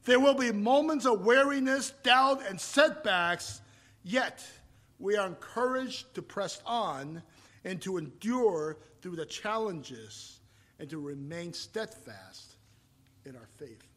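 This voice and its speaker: Preaching with personal testimony, this fifty-something Taiwanese man alternates between loud emphasis and calm, reflective storytelling. He speaks slowly but animatedly, his voice pitched high.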